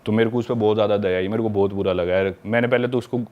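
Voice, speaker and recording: A man's voice: on the low side, steady tone, rapid-fire, dull audio. A man telling a travel story in casual podcast chat, mixing English words into his Hindi.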